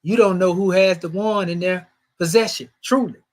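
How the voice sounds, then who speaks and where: A man with a high-pitched voice and a Southern US accent delivers a scripture teaching in a sermon style. He speaks with a preacher's cadence, asking rhetorical questions and stressing his points with rising and falling emphasis. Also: steady tone, moderate pace. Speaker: religious teacher.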